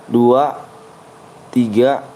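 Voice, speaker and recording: A man's voice: medium pitch, fairly even intonation, drawn-out words, mellow, slight background noise, low-quality recording. A young man, giving rowdy, slang-heavy commentary on a live game stream and trash-talking his opponents.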